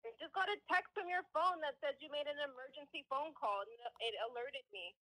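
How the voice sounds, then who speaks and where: High woman's voice over a speakerphone. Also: animated, fast, sharp tone, rough recording. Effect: heard over a speakerphone call. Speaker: host's wife on a phone call.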